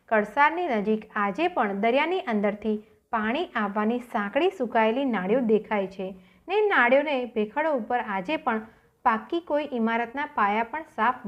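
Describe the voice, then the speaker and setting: Woman reading a dramatic story. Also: a little high. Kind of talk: scripted storybook narration.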